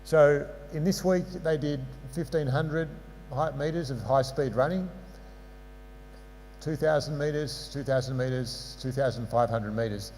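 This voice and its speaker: A man with a mid-range, slightly mellow voice and a non-local English accent speaks at a measured pace. He's giving a conference lecture on sports medicine with slides in a lecture hall, explaining concepts patiently and slipping in dry asides. The recording carries hall reverb and mains hum.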